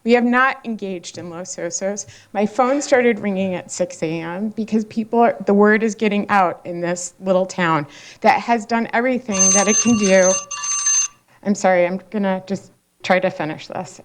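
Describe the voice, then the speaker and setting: A woman giving public comment at a hearing, emotional and halting, with many fillers and restarts, at a podium microphone. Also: medium pitch, a little hiss or hum.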